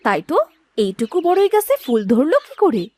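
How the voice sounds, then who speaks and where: A sharp-tongued, grumbling village wife, voiced by a woman nags and scolds in a cartoon. Her fairly high voice swings widely up and down with sarcastic bite. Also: sing-song, a little fast, no echo. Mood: excited. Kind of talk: cartoon voice acting.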